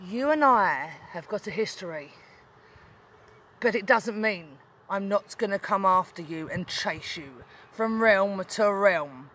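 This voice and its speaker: A woman's voice: mid-range voice, lively intonation, slow pace, a bit bright. A woman playing a gloating demon queen of the underworld in a menacing villain promo, with cackling laughs.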